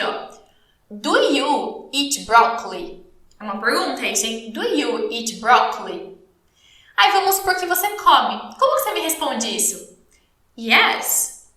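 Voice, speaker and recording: Brazilian lady teaching english online, high bright voice, kinda echoey room, slows way down for the english bits. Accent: Brazilian Portuguese. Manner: lively, encouraging, slows down to model English phrases. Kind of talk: live online English lesson.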